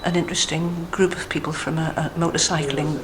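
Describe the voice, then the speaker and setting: Female society spokesperson, standard English accent, thoughtful and halting interview delivery, clear crowd chatter in the background. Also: deep voice, steady tone. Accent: English, fairly standard. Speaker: society vice president, piper. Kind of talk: spoken interview explaining an event. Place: inside a museum at a public gathering. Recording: busy crowd chatter behind.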